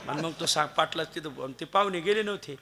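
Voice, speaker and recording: A man preaching a devotional kirtan sermon, his high voice bright and gravelly. He tells stories with animated swings between loud exclamations and quiet asides. Faint music plays behind him. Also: fairly quick.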